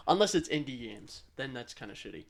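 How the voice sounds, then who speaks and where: This man co-hosts a podcast, speaking at a normal speed in a mid-range voice that's very animated. The talk is loose banter full of rambling, frequent cursing, and self-deprecating jokes.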